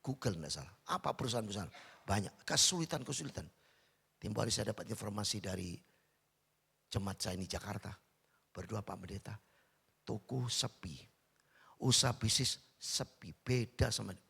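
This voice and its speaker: Gravelly pastor preaching in an echoey church. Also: male voice, animated, normal speed, long pauses. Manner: swings from soft murmurs to loud high bursts. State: recovering from illness. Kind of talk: sermon. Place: church hall.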